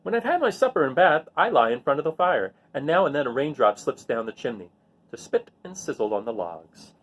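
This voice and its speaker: With a mid-range voice that has a breathy edge, this man reads picture books to children fairly quickly. He's expressive, relishes the sound words, and breaks off for easy, friendly asides to the kids.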